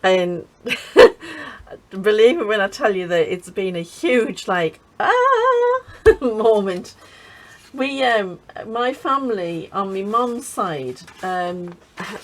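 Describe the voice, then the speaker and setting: A woman's voice: mid-range voice, sing-song, takes it slowly, low-quality recording. A middle-aged woman chatting casually while crafting, laughing often and restarting her sentences. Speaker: craft channel host.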